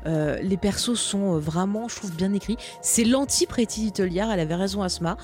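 A woman's voice: medium pitch, fairly quick, a little mellow, faint music behind. A woman co-hosting a casual podcast, chatty and enthusiastic as she recommends a show. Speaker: podcast co-host. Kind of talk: casual chat.

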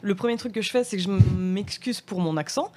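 A woman from France is the guest in a relaxed chat. Her voice sits at a middle pitch, and she talks freely, laughs a lot and drifts off into little fillers. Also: a little fast, a little hiss or hum. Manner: chatty, laughs often, trails off with fillers. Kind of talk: casual chat.

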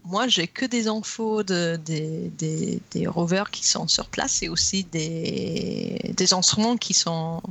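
A woman with an English accent, a native English speaker, explaining geology as a guest in a radio interview, pausing often with fillers and restarts. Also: lowish voice, creaky, fairly bright tone. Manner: hesitant, frequent fillers and restarts.

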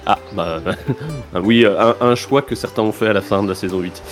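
A man's voice: fairly low pitch, normal speed, soft background music. A man hosting a podcast in casual chat, hesitant, with many filler sounds and restarts. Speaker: podcast host.

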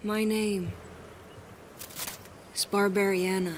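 An actress playing a Viking-age warrior woman, speaking flat, declamatory film lines. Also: mid-range voice, extremely slow, over loud music. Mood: commanding. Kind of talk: film dialogue. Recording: film clip with loud noise.

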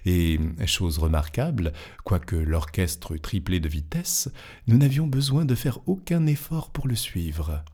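Deep-voiced man reading a classic tale. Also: dark tone, breathy edge. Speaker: narrator.

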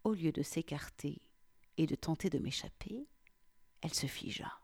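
A woman reading an erotic story aloud in a hushed, half-whispered delivery, close to the mic. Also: low voice, animated, moderate pace, gravelly, husky, dry recording. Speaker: narrator.

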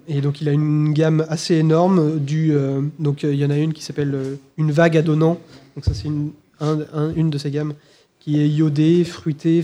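At a live event, a man co-hosting a podcast presents whiskies in casual talk. His pitch is slightly high, his tone dark and mellow, and he hesitates often, restarting sentences and filling pauses with "euh."

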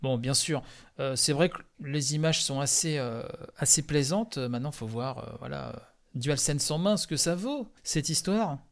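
A man's voice: on the high side, expressive, normal speed, vocal fry. A man hosting, chatting loosely with many fillers as he comments a live game showcase.

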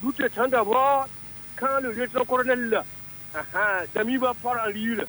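Excitable man calling in over the phone. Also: very high voice, normal speed, slight background noise. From Burkina Faso. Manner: excitable, exclaiming, broken French. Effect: heard over a phone line. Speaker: caller. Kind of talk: phone-in radio chat.

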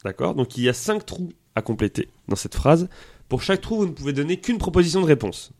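Playful man hosting a lively game show. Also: a little high, a little fast. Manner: playful, jokey, reads rules and prizes aloud. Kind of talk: comedic podcast game hosting.

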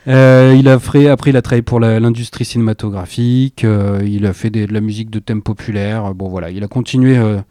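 A man's voice: lowish voice, fairly even intonation, a little fast, few pauses, warm tone, no echo, clean studio sound. A man hosting a music radio show, presenting records in a casual, enthusiastic chat with laughing asides and slangy phrasing.

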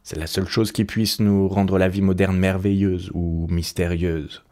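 A man's voice: sits low, level tone, measured pace, warm tone. A man reading aloud and voicing an earnest, troubled young painter who speaks sincerely.

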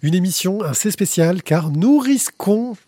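A man's voice: high-pitched, animated, normal speed. A man hosting a casual comic comics podcast, recorded outdoors by a pool. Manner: joking, talks over others. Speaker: podcast host.

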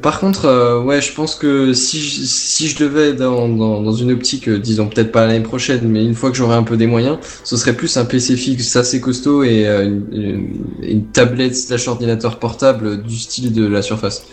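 A man's voice: medium pitch, fairly even intonation, moderate pace, hardly any pauses. A man co-hosting a casual tech podcast, reasoning aloud with hesitant restarts. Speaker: podcast co-host.

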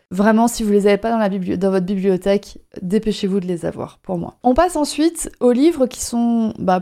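Woman, solo podcast host, warm mellow tone, chatty and good-humored. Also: on the high side. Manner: chatty, upbeat, humorous, with frequent fillers.

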